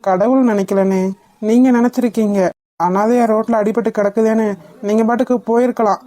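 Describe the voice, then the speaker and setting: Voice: medium pitch, steady tone, brisk, mellow, dry recording, close to an everyday voice. A voice actor playing a grateful, protective young man in a cartoon, speaking with earnest feeling. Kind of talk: cartoon voice acting.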